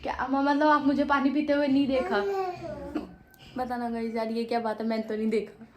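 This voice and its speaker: A young woman vlogger with a high, bright-pitched voice rambles through her story to camera, circling back and repeating herself. The sound bounces around an echoey room. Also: flat delivery, normal speed, noisy background. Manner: rambling, chatty, full of fillers and repeats.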